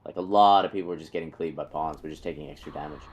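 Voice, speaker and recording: A man's voice: very deep voice, racing, low-quality recording. A man leading a game raid over voice chat, explaining positions in a rambling way with many fillers and restarts. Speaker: raid leader.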